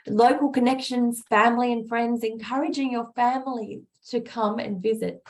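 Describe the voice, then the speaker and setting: A woman with a raspy, hoarse voice giving a conference presentation over a video call, speaking in a measured way with fillers. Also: medium pitch.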